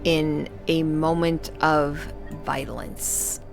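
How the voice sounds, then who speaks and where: A woman running a tabletop role-playing game as game master, narrating in a measured, deliberate way with dramatic pauses. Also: low-pitched, fairly even intonation, gravelly, music in the background.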